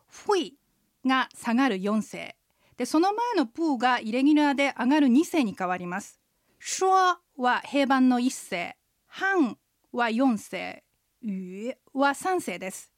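Woman, language teacher, high voice, patient, explanatory, dry sound. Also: sing-song, measured pace, no room sound. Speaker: co-host, interpreter guide teaching Chinese phrases. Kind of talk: radio language lesson.

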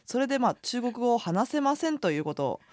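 A woman co-hosting a radio language lesson as an inn proprietress, chatty and lively. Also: on the high side, quick pace, no echo, clean studio sound. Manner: chatty, lively, laughs easily.

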